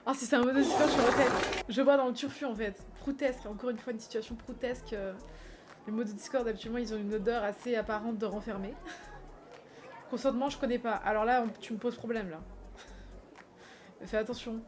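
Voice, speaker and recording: Woman streamer, high voice; lively, teasing, crude gaming banter. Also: fairly quick. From France. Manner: animated, teasing and crude, laughs often. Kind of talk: casual gaming stream chat.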